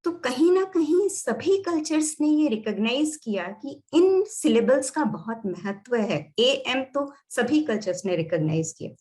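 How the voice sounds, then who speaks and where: A woman doctor with an Indian accent gives a calm teaching talk. She explains step by step and slips between Hindi and English phrases. Her voice sits slightly high. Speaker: doctor and yoga therapy teacher. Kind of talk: lecture.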